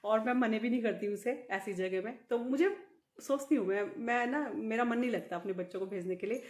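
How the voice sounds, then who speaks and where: A middle-aged woman vlogs in a casual chat to the camera, her fairly high-pitched voice brisk and often broken by laughter. The room sounds echoey.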